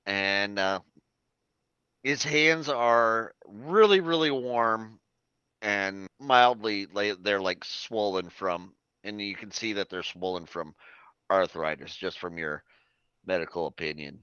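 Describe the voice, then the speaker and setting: Casting: man running a tabletop game, low, forceful voice, dry dull recording. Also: slow pace, clean tone, no room sound. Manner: rambling, many fillers. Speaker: game master.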